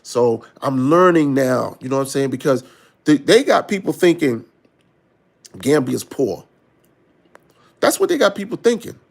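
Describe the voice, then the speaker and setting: Lively, animated man telling a story. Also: medium pitch, a little slow, vocal fry, long pauses. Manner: animated, acts out quoted conversations, frequent "you know what I'm saying". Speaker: vlogger. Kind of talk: casual storytelling monologue.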